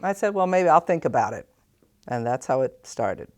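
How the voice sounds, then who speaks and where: A woman's voice: very deep voice, very animated, normal speed, heavy background noise. An older woman from San Francisco, a retired police officer, telling her story in a documentary interview and acting out the dialogue. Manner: storytelling, acts out quoted dialogue.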